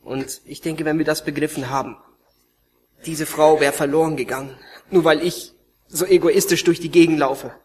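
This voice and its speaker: A man preaching a sermon and telling his own story, emotional, swinging between raised pleading and hushed, almost whispered passages. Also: fairly high pitch, fairly even intonation, moderate pace, breathy edge. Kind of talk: sermon testimony.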